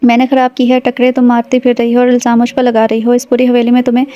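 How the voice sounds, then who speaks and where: A woman's voice: fairly high pitch, completely flat delivery, no echo, highs cut off, natural voice. A woman doing a curt scolding young man.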